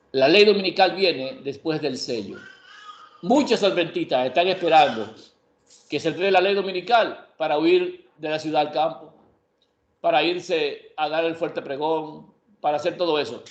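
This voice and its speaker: A man with a fairly high voice teaches Bible prophecy in an emphatic way. He keeps posing questions and then answering them himself. The recording is roomy and slightly muffled. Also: a little slow. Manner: emphatic, asks and answers his own questions. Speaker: preacher. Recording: echoey room, dull lo-fi sound.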